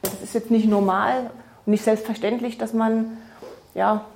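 Woman, member of parliament, chatty storytelling, somewhat high voice. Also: level tone, measured pace, vocal fry, darkish tone, a little hiss or hum. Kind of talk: documentary interview.

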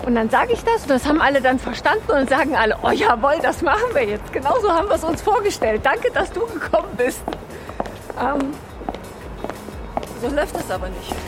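A woman's voice: high-pitched, sing-song, a little fast, over music. A woman, a newly elected member of parliament, talking reflectively in a documentary interview and sometimes searching for words.

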